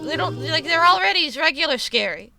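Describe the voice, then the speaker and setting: A woman's voice: sits high, animated, a little fast, creaky, music in the background. A woman chatting casually on a live stream, rambling, swearing freely and laughing often, with a runny nose.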